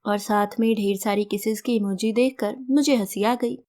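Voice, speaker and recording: A woman storyteller reading a first-person story aloud in a gentle, reflective, measured way. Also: medium pitch, steady tone.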